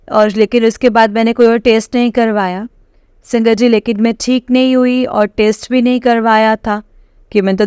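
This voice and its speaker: A woman recounts a personal experience to her congregation in a smooth, clear voice pitched a little high. She talks hesitantly, stops and starts, leans on fillers and keeps calling out to her listeners. The sound is close and dry. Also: a little mellow, no room sound. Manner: hesitant, full of fillers and restarts, often addressing the listeners directly. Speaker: devotee sharing a personal experience.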